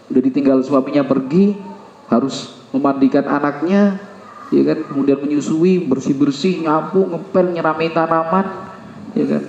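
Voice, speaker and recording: A man preaches in a loose, conversational way and keeps turning to his listeners for agreement. His voice sits somewhat high and carries a long hall reverb. The recording sounds muffled, as if it were captured on modest gear. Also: moderate pace, vocal fry, a little mellow, slight background noise. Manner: conversational, acts out household dialogue, asks the crowd "ya kan?". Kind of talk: Islamic sermon to a congregation. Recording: echoey hall, dull lo-fi sound.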